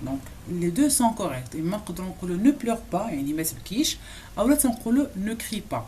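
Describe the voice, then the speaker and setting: A woman with a Moroccan accent teaching French phrases, saying each one slowly and repeating it before a quick explanation. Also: medium pitch, big pitch swings, warm tone, a little hiss or hum. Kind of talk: language lesson explaining phrases.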